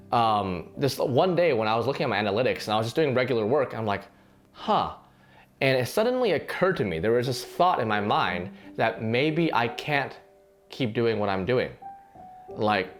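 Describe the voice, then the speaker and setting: A fitness channel host with a slightly hoarse, medium-pitched male voice speaks earnestly to the camera in a casual reflection. He restarts often and uses a lot of fillers, with faint guitar music playing underneath.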